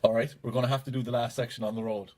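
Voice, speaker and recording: An Irish man co-hosting a podcast, chatting casually with teasing, joking banter. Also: medium pitch. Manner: animated, teasing banter, quick to laugh. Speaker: podcast co-host. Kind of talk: casual chat.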